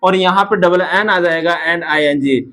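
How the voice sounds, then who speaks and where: A man with an Indian accent teaching English grammar in a classroom style. He drags out each English sentence slowly, speeds through his Hindi explanations, and calls his viewers son and daughter. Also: high-pitched, bright, forceful tone.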